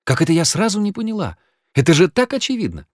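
A shaken, grieving woman in an audiobook scene, as a male reader voices her. Her speech is lively in pitch and turns scornful. The recording is close and dry. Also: quick pace, no echo, full character voice.

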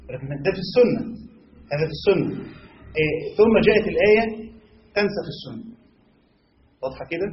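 A man's voice: high voice, roomy sound, muffled recording, slight background noise. A man with an Egyptian accent giving a religious lesson on Quran commentary, mixing colloquial and classical Arabic and asking rhetorical questions. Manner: rhetorical questions, stretched emphasis.

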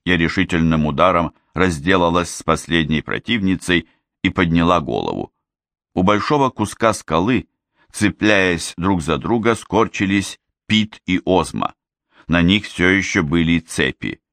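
Male narrator, very low voice, measured read of a fantasy novel, dry close studio sound. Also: dry recording. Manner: steady, measured storytelling. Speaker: audiobook reader. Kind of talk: scripted narration.

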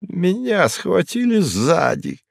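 A hoarse, rasping, badly shaken drinker, sullen and quick to lash out, as a male audiobook reader puts him on. The voice sits well above the reader's own low register, strained and edgy, in a dry, close storybook reading. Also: wildly swooping pitch, no room sound, exaggerated voice. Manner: sullen, then bursting into shouts. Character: frightened, beaten, surly hard-drinking man.

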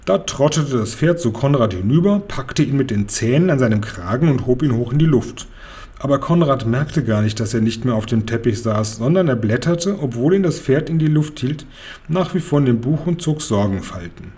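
A man reading a children's novel aloud in a lively storytelling manner. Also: mid-range voice, normal speed. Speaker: reader.

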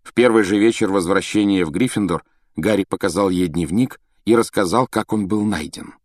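A man's voice: low voice, moderate pace, a little mellow, no room sound, clean studio sound. A man reading a novel aloud as an audiobook narrator, telling the story steadily and expressively. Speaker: audiobook reader.

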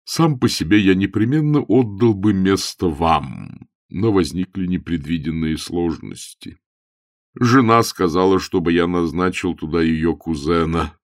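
A man's voice: low-pitched, no echo, clean studio sound. A man reading an audiobook voices a troubled, pompous elderly bishop who sighs over his troubles and quotes scripture. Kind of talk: audiobook character voice.

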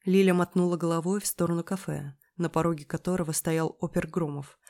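An audiobook reader giving expressive scripted first-person narration. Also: medium pitch, a little fast.

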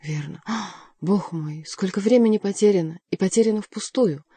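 A woman's voice: mid-range voice, moderate pace, dark tone, breathy edge, no room sound, natural voice. A woman reading the part of an impassioned young nobleman who speaks urgently.

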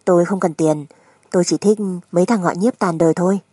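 A woman narrator acts out a surly gambler husband in a dramatic audiobook. The voice is low-leaning and husky. He is crude, sneering and spiteful, with menace under the mockery. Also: fairly quick, warm tone, no echo, studio quality.

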